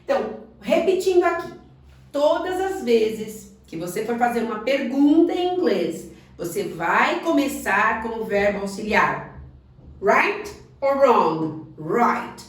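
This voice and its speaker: A woman teaching basic English in an online lesson, coaxing, asking the learner questions and slowing down on example sentences. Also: a little high, big pitch swings, heavy reverb, distant mic. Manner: speaks slowly on English examples.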